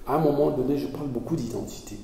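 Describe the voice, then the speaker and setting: A man's voice: mid-range voice, rapid-fire, creaky, dark tone. A man being interviewed as an essayist, speaking earnestly and hesitantly, often restarting his phrases. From Belgium. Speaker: essayist guest. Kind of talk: conversational interview. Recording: echoey hall from far off.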